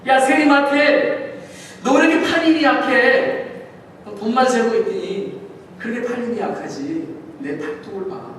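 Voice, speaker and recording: A boastful male fisherman barks commands and teases his crewmates in a raised, high voice, acted out by a man preaching. The sound rings through a large reverberant hall, picked up from well away from the mic. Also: a little slow, a bit bright, slight background noise. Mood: barking, boastful. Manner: barking orders, boastful, teasing. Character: bossy burly male fisherman disciple. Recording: echoey hall from far off.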